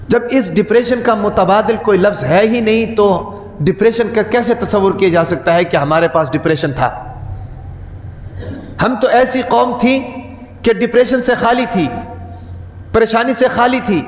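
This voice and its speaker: A man giving a Friday sermon, who keeps putting rhetorical questions to the congregation and repeats key words for emphasis. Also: high voice. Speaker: preacher. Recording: echoey hall with long reverb.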